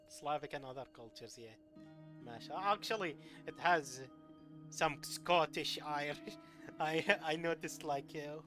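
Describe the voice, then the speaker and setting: This Iraqi man's live game commentary wanders and stalls, packed with fillers, while game music plays. He speaks with a fairly high, fairly bright voice.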